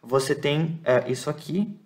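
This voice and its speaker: A man teaching a lesson. He explains patiently, repeats words slowly and keeps checking that his listeners follow. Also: a little high, steady tone. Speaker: Bible Greek teacher.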